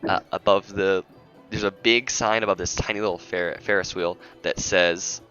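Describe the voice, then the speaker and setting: A man's voice: low voice, steady tone, normal speed, bright, forceful tone. A man narrating as game master of a tabletop game, teasing the players and often laughing. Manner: laughing, teasing, self-interrupting. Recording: muffled lo-fi audio, faint music.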